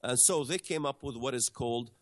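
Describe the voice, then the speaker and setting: Male guest commentator from the Middle East, mid-pitched, halting delivery with lots of fillers. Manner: hesitant, many fillers and restarts. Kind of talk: conversational explanation.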